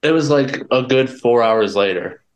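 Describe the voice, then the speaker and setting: A man's voice: medium pitch, moderate pace. Young man guest, roomy echo. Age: young adult. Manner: candid storytelling with many restarts. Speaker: guest wrestler. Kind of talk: casual interview. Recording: echoey room.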